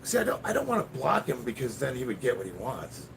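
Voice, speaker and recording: A man with a raspy, smoker-like voice chatting casually and bluntly on a livestream about his workout, swearing and bantering with commenters. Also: mid-range voice, huge pitch swings, fast. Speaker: livestreamer lifting weights. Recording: distant mic with loud background noise.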